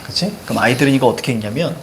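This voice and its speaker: A man's voice: medium pitch, rapid-fire, background noise. A male teacher giving a classroom lecture, often checking in with his students with short questions. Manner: lively, questioning, tags checks like "그치?". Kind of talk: classroom lecture on Korean poetry. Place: classroom with a blackboard.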